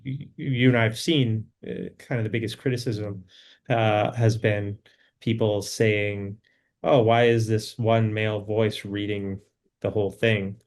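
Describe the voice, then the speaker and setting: A man who is a filmmaker guest in a casual conversation. He speaks thoughtfully and with hesitation, with many pauses. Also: fairly low pitch, gravelly.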